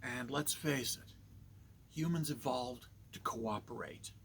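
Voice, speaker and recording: A man from Canada talking in a slow, measured, somewhat preachy monologue. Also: mid-range voice, fairly bright tone, husky. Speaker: vlogger.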